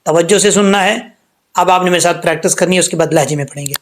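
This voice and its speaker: A man. He explains each rule step by step in a patient, steady way. Then he draws each word out slowly for students to copy. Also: high voice, a little hiss or hum. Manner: explains rules patiently, then slowly recites words aloud. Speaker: Quran tajweed teacher. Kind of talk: word-by-word recitation lesson.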